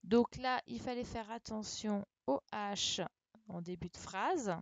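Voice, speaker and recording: A woman teacher from France leads an online class, speaking slowly and carefully as she spells each word out. Her voice is dry and close to the computer mic, with nothing roomy around it. She keeps checking in with the children as she goes. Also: medium pitch. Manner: patient, spells words out letter by letter with frequent "hein" and "d'accord". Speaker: primary school teacher. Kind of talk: live-streamed dictation correction lesson. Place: home setup for an online class. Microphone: computer microphone for a live stream.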